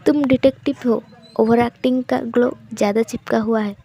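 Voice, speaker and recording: A woman's voice: on the high side, steady tone, moderate pace, vocal fry, warm tone, husky. A woman voicing a polite young woman doctor with a light, witty way of speaking. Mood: friendly.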